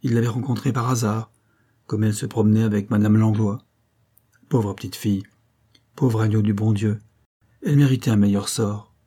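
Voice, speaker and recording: A man's voice: on the low side, steady tone, normal speed, long pauses, mellow, close to an everyday voice. A man doing a gossipy, gullible concierge woman. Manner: gossipy, effusive.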